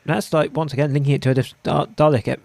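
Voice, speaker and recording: A man hosting a casual podcast, with a dry, wry way of talking and some halting restarts. His voice sits a little high. The sound is close and dry. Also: fairly even intonation, gravelly, darkish tone, no echo. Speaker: podcast host. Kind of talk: casual review chat.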